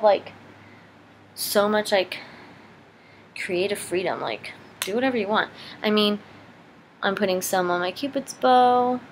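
A young woman, a beauty vlogger, gives a casual makeup tutorial from her living room, chatting as she works in an informal, rambling, self-deprecating way. Her voice is mid-range and a little mellow, and the home camera recording is noisy.

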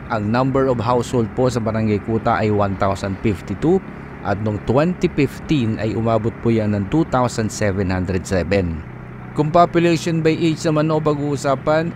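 A man's voice: medium pitch, noisy background. A man narrating a road trip in a polite, informative tone, reading out local statistics. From Philippines. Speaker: vlogger.

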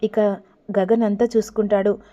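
A woman voicing a middle-aged mother-in-law who calmly reassures her daughter-in-law. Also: mid-range voice, normal speed, dull audio, lightly acted. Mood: reassuring.

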